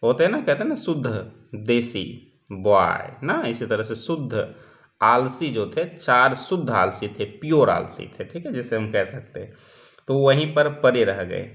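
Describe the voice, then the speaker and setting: A male teacher lectures on a text, working through it step by step, posing questions and answering them himself while frequently checking in with the class. His mid-range voice is fairly bright, a little slow, and swings widely in pitch. The recording sounds dull and lo-fi.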